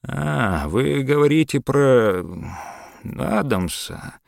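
A man voicing a pompous male city mayor who turns shrill and flustered under pressure, in an audiobook. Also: lively intonation, very slow, vocal fry, a little mellow, no echo, studio quality, exaggerated voice. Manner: pompous, then shrill when rattled.

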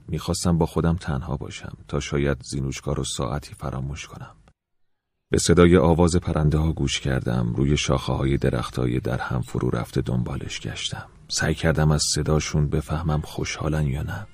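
A man narrating an audiobook in the first person, soft and reflective, with a wistful tone. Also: rumbling low, fairly even intonation, husky, no echo.

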